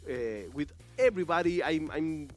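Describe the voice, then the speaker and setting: A man's voice: fairly high pitch, moderate pace, soft background music. A male esports commentator speaking live from a tournament venue, enthusiastic and repetitive, with slightly non-native phrasing.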